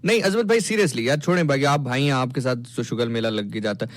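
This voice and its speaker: A man's voice: mid-range voice, fairly quick, no echo, studio quality. A man hosting a live stream, chatting casually as he reads out viewer comments, playful and teasing, often stammering and restarting. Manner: playful, teasing, mock-indignant.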